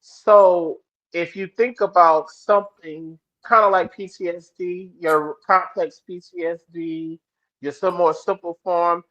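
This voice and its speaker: A man with a fairly high voice talks in an animated way in a casual discussion. He repeats words as he gets going. The audio is dull and lo-fi. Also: unhurried. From New Orleans.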